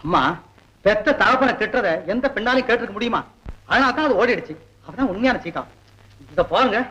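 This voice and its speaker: An actor playing an earnest, gentle young man in a 1960s family film drama, pleading with emotional delivery. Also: high-pitched, expressive, fairly quick, breathy edge, full character voice. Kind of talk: 1960s Tamil film acting. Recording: dull 1960s film soundtrack with music.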